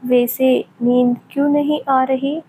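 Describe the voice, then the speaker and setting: A woman voicing a caring young male doctor who speaks softly and affectionately in an audio story. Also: sits high, level tone, takes it slowly, slight background noise, rough recording. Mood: tender. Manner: soft, affectionate, coaxing.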